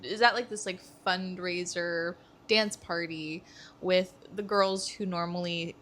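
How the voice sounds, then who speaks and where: A woman's voice: fairly low pitch, steady tone, unhurried, fairly bright tone, a little hiss or hum. A young woman co-hosting a casual book-discussion podcast, eager and thinking aloud as she talks. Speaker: podcast co-host.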